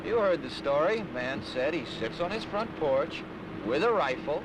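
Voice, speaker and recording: An actor playing a teasing, wry young drifter in a 1960s TV drama. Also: male voice, a little high, lively intonation, normal speed, lightly acted. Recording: hissy old TV soundtrack.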